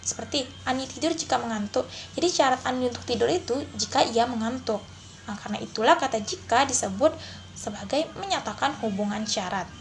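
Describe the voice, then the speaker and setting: A young woman, a university student, giving a class presentation and explaining example sentences, pausing often with fillers. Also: on the high side.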